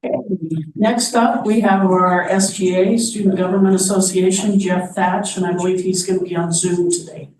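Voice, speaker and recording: Man, meeting chair, high flat voice, distant mic, echoey noisy room. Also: moderate pace, hardly any pauses. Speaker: board chair running the meeting.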